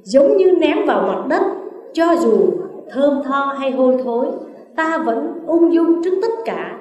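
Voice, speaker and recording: Southern Vietnamese woman, Buddhist nun, dharma talk, high voice, roomy distant sound. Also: unhurried. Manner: storytelling, asks listeners questions, lively shifts.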